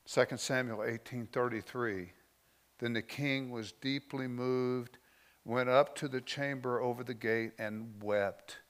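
Man, pastor, heartfelt sermon, slow dramatic pauses, mid-pitched voice, chatty asides. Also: fairly even intonation. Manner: slow, emotional preaching with dramatic pauses and soft drops; conversational asides and restarts while preaching.

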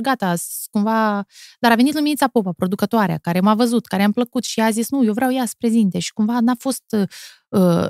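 Moldovan lady chatting as guest, laughs a lot, voice jumps up when excited, dry room. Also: dry recording. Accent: Moldovan Romanian. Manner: lively storyteller, quick laughs, jumps in pitch when animated. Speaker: TV presenter, podcast guest. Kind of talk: casual chat.

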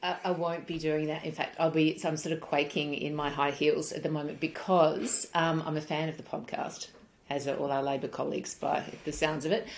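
Low-voiced Australian woman, chatty guest. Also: fairly quick, gravelly. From South Australia. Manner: chatty, good-humoured, expressive. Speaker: guest, politician and former journalist. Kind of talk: casual conversational interview.

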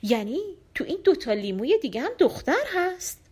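An earnest young prince from a folk tale, thinking aloud in a raised, lively voice, as a woman reads his part. He sounds curious and a little anxious. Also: high voice.

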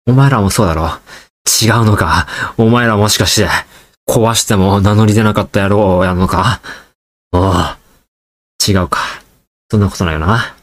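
A man's voice: on the low side, moderate pace. A man hosting a casual solo podcast, rambling and joking as he talks straight to his listeners. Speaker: podcast host.

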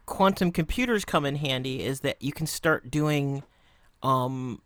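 Male podcast guest, light higher voice, halting explanatory delivery, dry sound. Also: fairly bright tone, no room sound. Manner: stumbling restarts, explanatory. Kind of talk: casual explanation.

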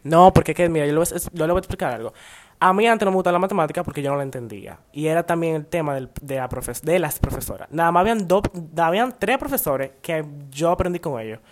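Young podcast co-host, lively and quick to interject. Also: mid-range voice. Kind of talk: casual chat.

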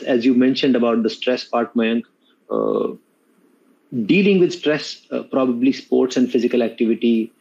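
A man's voice: medium pitch, gravelly, mellow, lo-fi sound. A middle-aged man with an Indian accent giving earnest, unscripted advice as an interview guest, often repeating words for emphasis. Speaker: podcast guest, mentor to students.

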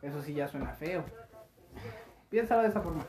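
A man's voice: a little high, animated, fairly quick, crowd noise. A young man in his late teens with a Mexican accent, chatting casually and joking in slang. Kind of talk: casual chat.

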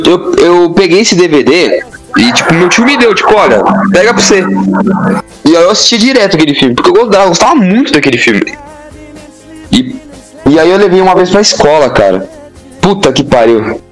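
A young man with a Brazilian Portuguese accent telling casual stories to friends in slangy, profanity-laden speech. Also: on the high side. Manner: slangy, profane, animated quoting of himself and others. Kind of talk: casual chat, storytelling among friends. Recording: music behind the voice.

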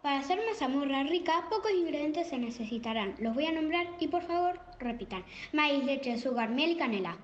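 A lively colonial street vendor , played by a woman. Her high voice swings widely through sing-song rhyming cries. The sound is roomy and a little muffled, with a faint hum behind it. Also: brisk, hardly any pauses. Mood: brisk. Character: lively female colonial street vendor selling corn pudding. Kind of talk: children's stage play.

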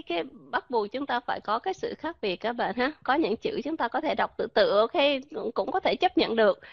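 A woman's voice: a little high, no room sound. Woman, online pronunciation teacher, chatty and questioning, lo-fi computer mic, dry sound. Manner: chatty, peppered with "ok" and English words, rhetorical questions. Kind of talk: live online pronunciation class. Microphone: computer mic in a voice chat room. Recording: dull lo-fi online voice chat audio.

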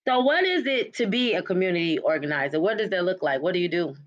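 A man's voice: sits high, lively intonation, quick pace, fairly bright tone, lo-fi sound. A man hosting a casual interview, asking questions and answering with encouraging affirmations. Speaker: podcast host.

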